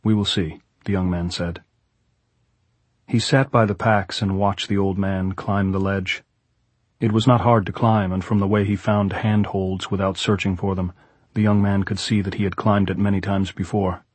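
A man's voice: sits low, little pitch movement, moderate pace, husky, no room sound. A man narrating a literary novel as a scripted audiobook reading.

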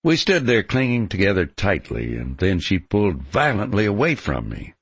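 A man narrating a scripted western story in the first person, with a gravelly, husky voice and a measured, dramatic delivery. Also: sits low, wildly swooping pitch, no echo. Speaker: audiobook narrator.

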